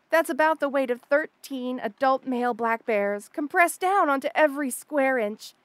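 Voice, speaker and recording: A woman with a slightly high, lightly acted voice plays an obsessive, jealous lamia monster girl in an intimate audio roleplay. She sounds flustered, boastful and gushing, stammering as she goes.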